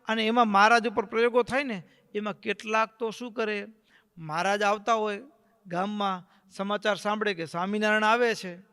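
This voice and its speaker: A male preacher tells a devotional story with a dramatic delivery. His voice is high and bright, and he acts out the voices of the characters. The recording has a long hall echo. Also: fairly even intonation, normal speed, clean tone.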